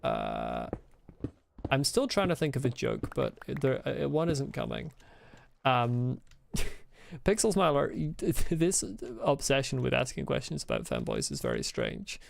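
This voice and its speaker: Heard with slight background noise, this gravelly, medium-pitched Scottish voice carries a mild accent, huge pitch swings, and an unhurried delivery. He's gaming on a live stream, chatting loosely, chuckling, and wandering into asides as he answers chat.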